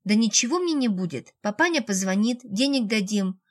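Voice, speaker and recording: A woman's voice: lively intonation, moderate pace, natural voice. A woman reading an audiobook, voicing a spoiled, careless young woman who whines and insists. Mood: dismissive. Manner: whining, high and insistent.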